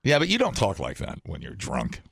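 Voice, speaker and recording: A man co-hosting a morning radio show, bantering and joking in an animated way with silly voices. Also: lowish voice, a little fast, gravelly, slightly rough. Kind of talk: casual comedic radio banter. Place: radio studio. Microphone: studio microphone.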